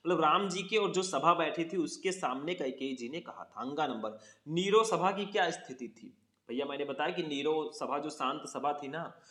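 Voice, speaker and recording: A man's voice: fairly high pitch, fairly bright tone, echoey room. A man teaching an exam lesson who goes through verse line by line, calls his students 'bhaiya' and keeps checking with 'theek hai'. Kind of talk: exam paper walkthrough lesson.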